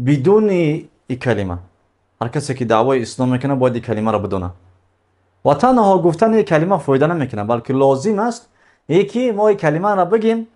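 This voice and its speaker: A man's voice: a little high, darkish tone. A man teaching a religious lesson, explaining step by step, repeating key phrases and answering his own questions.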